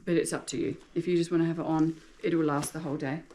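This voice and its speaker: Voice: mid-range voice, flat delivery, quick pace, mellow, slight background noise. A guide casually explaining gear and reassuring a guest, upbeat and friendly.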